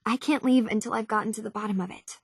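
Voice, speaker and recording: In naturalistic video game dialogue, an actress plays an earnest young woman tinkerer searching for her identity. Her voice is a little high, steady, and fast with a breathy edge, recorded with studio quality and no room sound. She sounds determined yet troubled, speaking conversationally with slight hesitation.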